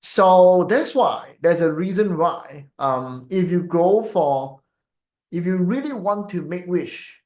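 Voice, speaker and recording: A man's voice: sits high, lively intonation, slow pace, darkish tone, echoey room. A Malaysian man with a Malaysian English accent, chatting casually to viewers as a feng shui teacher, rambling with many fillers and tag questions. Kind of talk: casual live-stream talk to viewers.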